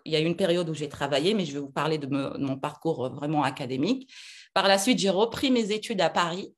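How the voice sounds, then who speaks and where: A middle-aged woman from Algeria, a lawyer being interviewed, talking with many fillers and restarts. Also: low-pitched. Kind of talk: casual interview talk.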